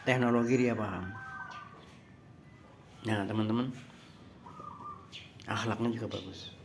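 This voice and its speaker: A man giving a moral lesson through a story, speaking slowly and deliberately and addressing his listeners as friends. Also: on the low side, slight background noise. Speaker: motivational speaker.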